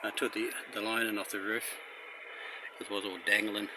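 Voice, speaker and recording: A lowish, level-toned Australian man at normal speed gives a casual, rambling how-to on his DIY car radio install. The vlogger works in and around a car beneath a carport, and the handheld on-location audio is noisy.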